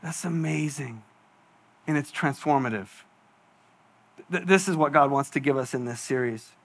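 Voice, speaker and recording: Here the pastor, a man in his forties, speaks at medium pitch and a moderate pace, his tone a bit bright. Preaching in a church hall, he's conversational and pokes fun at himself, acting out asides while telling stories.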